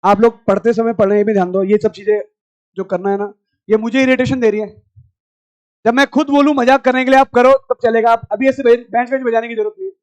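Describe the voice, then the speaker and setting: High-voiced male teacher shouting in class. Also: steady tone, fast talker, clear, resonant tone, dry recording, highs cut off. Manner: loud, scolding and coaxing students. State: strained throat. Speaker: chemistry teacher. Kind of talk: classroom lecture.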